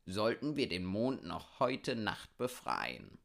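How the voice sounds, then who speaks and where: A wise old raven, played by a man in a children's storybook. He speaks slowly and with measured solemnity, his voice on the low side. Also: very animated, creaky, fairly bright tone, full character voice.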